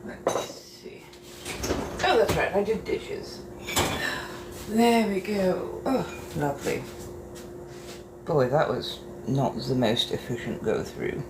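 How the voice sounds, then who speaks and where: This livestream host chats while getting ready in her bathroom, playing it flirtatious and theatrical and addressing viewers as darling. Her lowish voice swings widely in pitch, unhurried, with long pauses. Background noise is clearly audible.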